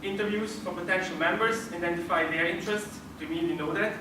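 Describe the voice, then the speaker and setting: A man's voice: sits high, fairly even intonation, fast talker. Hesitant man presenting in an echoey room. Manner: hesitant, many restarts. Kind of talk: group presentation. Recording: echoey room from far off with noise.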